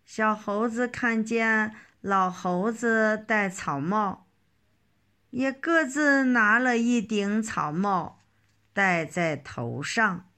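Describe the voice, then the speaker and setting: Very slow woman reading a children's story. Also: mid-range voice, bright, forceful tone.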